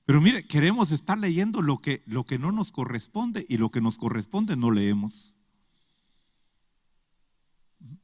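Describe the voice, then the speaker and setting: Male preacher, high animated voice, emphatic, quizzes the congregation; long church reverb. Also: husky, studio quality. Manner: emphatic, rhetorical questions to the congregation. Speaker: pastor. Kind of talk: sermon.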